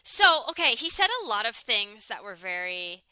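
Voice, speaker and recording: A young woman co-hosting a casual podcast chat, animated and getting fired up as she acts out quotes. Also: mid-range voice, normal speed, clear, resonant tone, no room sound. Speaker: podcast co-host. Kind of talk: casual chat recapping a reality show.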